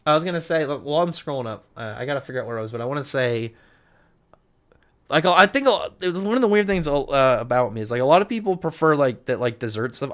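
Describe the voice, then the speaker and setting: He's a livestream host with a medium-pitched, fairly bright voice, reading out viewer comments in a relaxed chat. The talk meanders through lots of asides and circles back to repeat itself.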